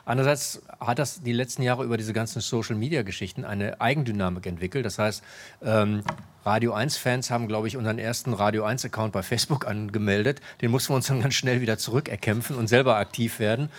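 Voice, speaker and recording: A man's voice: medium pitch, fairly even intonation, fast. A man from a radio station explaining things to a live audience, hesitant and full of filler sounds. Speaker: radio station staff member.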